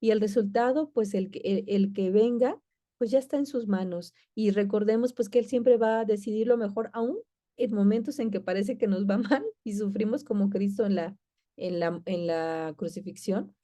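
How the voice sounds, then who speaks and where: Mellow-voiced woman teaching a Bible class. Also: mid-range voice, moderate pace. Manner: warm, conversational, with many fillers and restarts.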